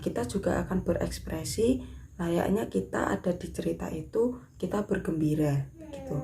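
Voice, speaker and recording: A young woman student teacher giving a patient classroom lesson on storytelling, explaining step by step with pauses. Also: on the low side, gravelly, dark tone, a little hiss or hum. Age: young adult.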